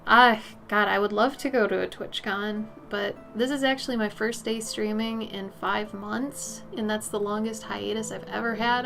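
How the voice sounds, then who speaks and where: A woman in her late thirties paints while chatting casually with her stream chat, reading and answering messages in a frank, loose, rambling way. Her voice sits a little high with vocal fry, and soft music plays faintly behind her.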